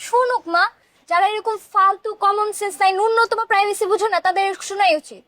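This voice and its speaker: An actress playing a fed-up, hot-headed young daughter who complains indignantly. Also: female voice, very high voice, steady tone, fairly quick, pushed and bright, no room sound. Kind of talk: TV drama acting.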